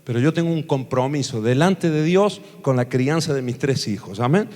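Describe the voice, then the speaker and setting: A pastor with an Argentine accent from Córdoba, preaching a sermon in a church sanctuary and calling the congregation to answer amen. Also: male voice, mid-range voice, lively intonation, a little mellow. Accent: Argentine Spanish, Córdoba. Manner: calls for amens from the congregation, reads scripture slowly. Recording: long church hall reverb.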